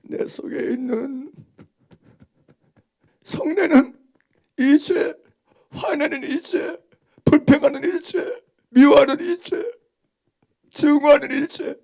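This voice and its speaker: A male pastor giving a Sunday morning sermon, firing off rhetorical questions and swinging from hushed words to impassioned shouts. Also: very high-pitched, fairly even intonation, slow pace, vocal fry, long pauses.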